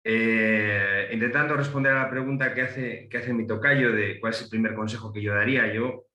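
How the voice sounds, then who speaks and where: On the low side and steady at normal speed, this middle-aged man's voice has a sharp tone; he's an economist from Galicia, Spain, talking on a panel with a Galician Spanish accent. He hesitates, with many fillers and restarts. The audio is dull, with a roomy echo.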